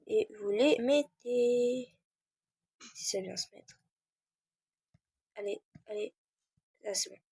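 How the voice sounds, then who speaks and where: A teenage girl talks through a game tutorial at her computer, slow and full of hesitant fillers. Her voice sits a little high but sounds mellow and soft. The recording is dry and close, with no room sound. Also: no room sound. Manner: hesitant, many "euh" fillers, talks while searching. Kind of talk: casual screen-recorded tutorial.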